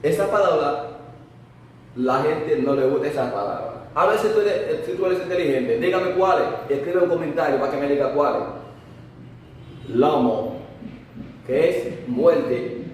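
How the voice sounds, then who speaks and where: A man's voice: fairly high pitch, moderate pace, far from the mic, a little hiss or hum. Patient male language teacher in an echoey room. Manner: patient, repeats words for the learner to echo. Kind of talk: spoken language lesson.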